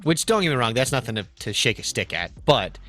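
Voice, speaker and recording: A man's voice: medium pitch, very animated, brisk, a bit bright. A man in his late twenties hosting a casual podcast, rambling with fillers and greeting viewers in chat by name. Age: 20s. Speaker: podcast host.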